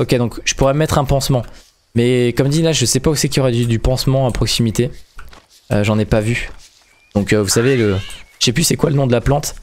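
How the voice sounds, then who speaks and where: Brief: young male gaming host, casual let's-play patter, excitable, stammers, mid-pitched voice. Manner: excitable, stammers over words.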